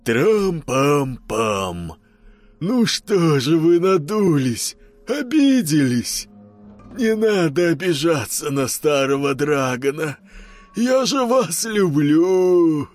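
A man voicing a mad bearded stepfather who switches between a booming, furious voice and a raspy, mocking one, in an audiobook. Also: sing-song, slow, faint music behind. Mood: crazed sing-song. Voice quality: shifts between booming rage and raspy mockery. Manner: unhinged, gloating, sing-song. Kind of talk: audiobook character voice.

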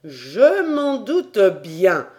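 A woman voicing an excitable middle-aged male French geographer who bursts into loud, fussy exclamations. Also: mid-range voice, very slow, heavily acted. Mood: excited.

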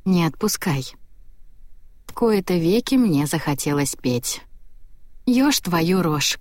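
A woman narrating a first-person audiobook with lively, ironic storytelling. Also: fairly low pitch, no echo, studio quality.

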